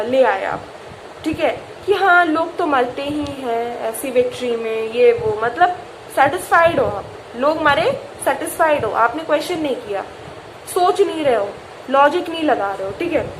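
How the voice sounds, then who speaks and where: High-voiced young woman teaching casually. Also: slight background noise, rough recording. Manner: explains step by step, many fillers and checks. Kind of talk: casual poetry lesson in Hinglish.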